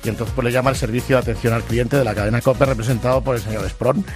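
A man's voice: medium pitch, fairly even intonation, fast talker. A man hosting a radio comedy show in casual, joking chat. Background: music.

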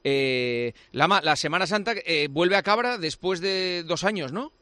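A man hosting a sports radio show, steering the talk with questions and quick interjections. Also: a little high, pushed and bright. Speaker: host.

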